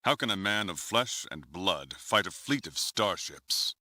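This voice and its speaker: A stern military commodore with a very low, forceful voice. He speaks formally and gravely, in measured phrases fit for a sci-fi game. The sound is close and dry. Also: lively intonation, dry recording, exaggerated voice. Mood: grave, skeptical. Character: stern, grave male starship commodore, middle-aged or older. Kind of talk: dramatic video game voice acting.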